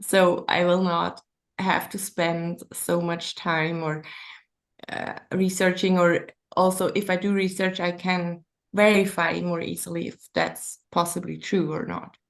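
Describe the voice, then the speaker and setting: A woman with a Swiss German accent talks as an author being interviewed. Her voice has a gravelly creak and fairly even intonation. She pauses and searches for words as she thinks aloud. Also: lowish voice. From Switzerland. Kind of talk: conversational interview.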